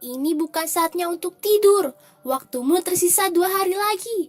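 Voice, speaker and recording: A woman's voice: extremely high pitch, animated, moderate pace. A woman voicing a disembodied female game guide who calls out urgent, insistent commands from nowhere. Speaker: voice actor. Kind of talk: amateur audio drama.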